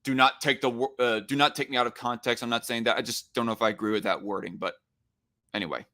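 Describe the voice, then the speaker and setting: A man with a forward, bright voice at an average pitch, reacting off the cuff. He argues bluntly and often stumbles as he searches for the right words. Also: steady tone, fast. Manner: argumentative, blunt. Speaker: commentator responding to a played discussion.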